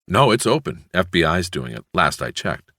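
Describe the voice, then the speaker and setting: Eager male crime reporter, raised voice, rapid questions, read by a male narrator; dry studio sound. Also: sits low, no room sound, pitched above the performer's own voice, full character voice. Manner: excited, quickening questions.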